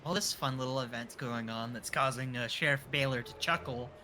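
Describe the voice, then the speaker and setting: A man acts as game master for a tabletop game. His voice is bright and sits at a middling pitch, narrating casually and off the cuff. Faint noise runs behind him. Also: a little fast.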